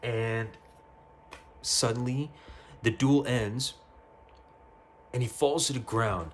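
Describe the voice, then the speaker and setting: A man talking casually about a video game ending, excitable, swearing freely and often stumbling over and repeating his words. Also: medium pitch, slow pace, a little hiss or hum. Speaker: gaming youtuber. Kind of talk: casual game review monologue. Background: faint music.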